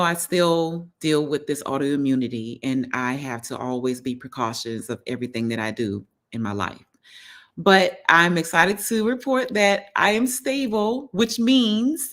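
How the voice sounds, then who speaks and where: This voice belongs to a holistic health coach who hosts a relaxed live stream. The talk is earnest and encouraging, full of "you know" fillers, and key phrases get repeated for emphasis. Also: medium pitch.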